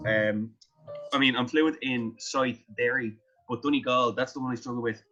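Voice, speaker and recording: A man with an Irish accent hosting a relaxed online gathering, teasing the guests and laughing often. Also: mid-range voice, moderate pace. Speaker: host. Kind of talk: casual joking chat. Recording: slightly dull audio with faint music behind.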